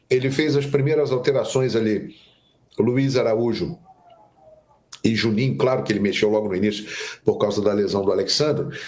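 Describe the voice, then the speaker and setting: A man giving opinionated football commentary on a sports show, with a nagging cough. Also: medium pitch. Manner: opinionated, animated delivery.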